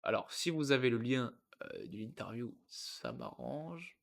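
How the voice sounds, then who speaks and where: Jokey French football streamer. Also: male voice, mid-range voice, expressive, unhurried, gravelly. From Yonne, France. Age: over 25. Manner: jokey asides, reads aloud and interrupts himself. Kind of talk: casual livestream commentary.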